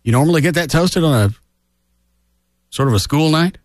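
A man's voice: fairly high pitch, normal speed, no echo, clean studio sound. A man hosting a radio show in casual banter, with a wry, teasing manner.

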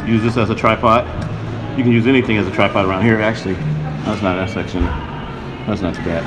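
A man's voice: lowish voice, steady tone, quick pace. Chatty man vlogging in a noisy café. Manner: chatty, loose, repeats himself while explaining gear. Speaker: vlogger showing his streaming setup. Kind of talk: casual walkthrough vlog. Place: coffee shop at night, indoors. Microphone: camera-mounted mic, handheld then on tripod. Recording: noisy coffee shop ambience.

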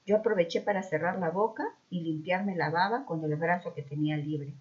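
A woman narrating a children's mystery story aloud, expressive and acting out the dialogue. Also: fairly low pitch, a little fast. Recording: dull muffled recording.

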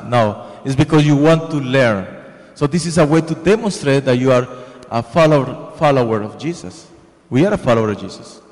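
In a large church sanctuary, a young Colombian priest with a Spanish accent preaches an earnest, repetitive homily into a handheld microphone, gesturing with his hands. His voice is a little high and a little mellow, with long church reverb on the recording.

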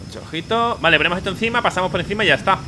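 A young man giving excitable, swearing let's play commentary, yelping at scares. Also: high voice, very fast, noisy background. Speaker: gaming YouTuber. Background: game music.

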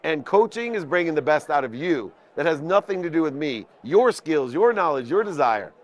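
A man in his fifties, working as a coach, gives an off-the-cuff business talk at an indoor convention booth while onlookers watch. His voice runs somewhat high and sing-song at a moderate pace, and he's emphatic, listing points in parallel phrases. A collar-clipped mic picks him up, with the highs cut off.

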